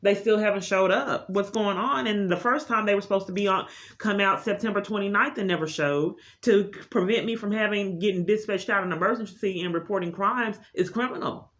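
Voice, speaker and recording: A woman of medium pitch, talking a little fast with a slightly bright tone, delivers an unscripted list of grievances as a vlogger. She sounds insistent and wronged, her echoey room captured in muffled audio with heavy noise and clicks.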